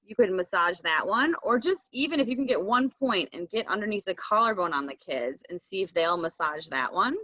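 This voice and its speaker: A woman leading a kids' tapping session over a video call, gentle and encouraging, often checking in with "right?" and "okay?". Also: mid-range voice, lively intonation, a little fast, few pauses, no room sound, highs cut off.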